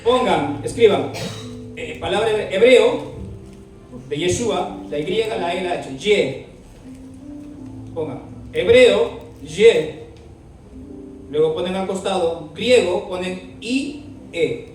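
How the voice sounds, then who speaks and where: This man's high, expressive voice is slow and marked by long pauses. During a Bible class with dictation he asks his students frequent questions and spells words letter by letter. It's recorded in a very echoey room with a distant mic and faint music.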